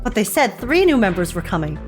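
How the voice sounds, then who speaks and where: A woman's voice: medium pitch, sing-song, fast, faint music behind, natural voice. A woman voicing a self-important small creature gang boss in a video game, bossy and declaratory. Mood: brisk, bossy. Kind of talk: video game character acting.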